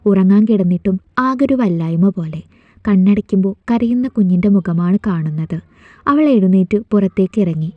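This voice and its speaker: A woman's voice: mid-range voice, brisk, no echo, narrow, tinny audio. Woman narrating a romance story.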